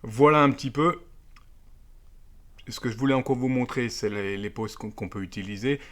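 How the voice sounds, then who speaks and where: With a medium-pitched, fairly bright voice at a moderate pace, a male amateur radio video presenter demonstrates a gadget. His approach is relaxed and practical, going step by step and leaning often on tag words.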